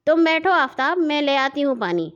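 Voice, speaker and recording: Soft, insistent storybook mom, higher lively voice, as a woman reads her. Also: lo-fi sound. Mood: gentle. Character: gentle, insistent mother knitting in bed.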